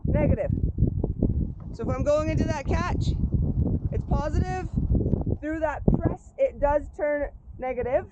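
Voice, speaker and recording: A woman coaching paddlers in an informal, encouraging way, giving careful, unhurried step-by-step instructions outdoors. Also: high voice, lo-fi sound. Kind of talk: hands-on sports instruction. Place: outdoors on a boat. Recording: very noisy outdoor recording.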